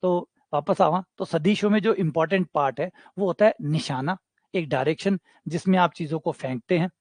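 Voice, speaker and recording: A man with a Rajasthani accent runs an online maths coaching class for exams, chatty and joking, and slips into local dialect. His voice is fairly high and a little fast, recorded dry.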